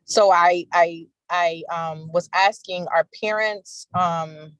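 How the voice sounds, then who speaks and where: Lady calling in on her car speakerphone while driving, lowish voice, lots of ums, dry sound. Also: fairly even intonation, slow pace, no room sound, low-quality recording. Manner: hesitant, many fillers and restarts. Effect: call from a car speakerphone while driving. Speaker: committee meeting participant. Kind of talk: casual meeting discussion on a call.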